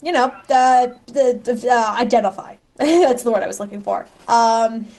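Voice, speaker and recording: A woman game master narrating a tabletop game casually, halting and rephrasing as she thinks aloud. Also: fairly high pitch, darkish tone.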